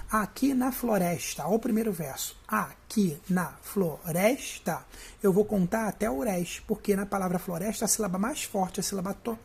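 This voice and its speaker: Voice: medium pitch, gravelly, dark tone, slightly rough. A teacher with a Brazilian Portuguese accent giving a step-by-step video lesson, often checking in with the listener.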